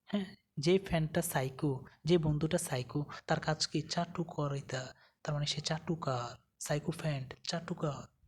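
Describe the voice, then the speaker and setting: A woman's voice: sits low, moderate pace, darkish tone, a little hiss or hum. A woman teaching a vocabulary lesson, asking questions and answering them herself. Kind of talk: vocabulary lesson with memory tricks.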